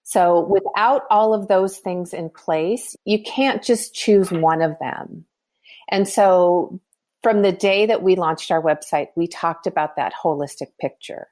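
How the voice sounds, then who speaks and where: In a podcast interview, a skincare brand founder in her fifties speaks earnestly about her views, frequently restarting her sentences. Her voice is on the low side and a little mellow, delivered at a measured pace.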